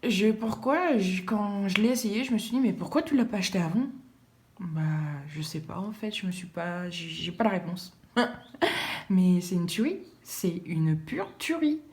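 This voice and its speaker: A woman's voice: medium pitch, animated, unhurried, a little mellow, slight background noise. A woman chatting casually about her art supplies, rambling with many fillers and repeated words. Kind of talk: casual chat.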